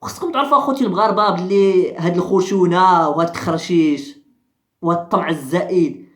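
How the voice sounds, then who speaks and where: This man, a social commentary vlogger, speaks with a Moroccan accent in a high register and at a quick pace, with reverberation in the room. His commentary is a fiery rant full of repetition and rhetorical questions aimed at viewers.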